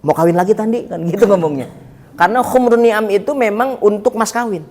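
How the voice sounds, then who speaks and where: A man's voice: sits high, a little fast. A man preaching a sermon in a mosque, telling stories with humor. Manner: animated storytelling with humor. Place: mosque hall. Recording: long reverb of a hall.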